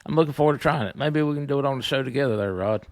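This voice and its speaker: A man's voice: mid-range voice, rapid-fire, no room sound, clean studio sound. A man chatting casually as a co-host on a talk show. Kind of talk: casual chat.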